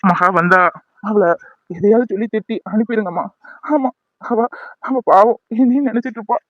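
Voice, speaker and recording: A young man voicing a gravely injured young man in a cartoon, talking in pain and pleading with his mother. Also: sits high, normal speed, dry recording, lo-fi sound. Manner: pained, pleading, resigned. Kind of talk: cartoon voice acting.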